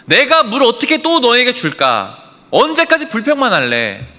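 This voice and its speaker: Brief: a pastor playing a worn-out, angry man barking questions at grumblers, lively and forceful, in a church hall with long reverb. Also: very high voice, normal speed, pitched above the performer's own voice, full character voice. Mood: exasperated. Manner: shouting rebukes and rhetorical questions. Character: angry exasperated middle-aged man scolding a crowd.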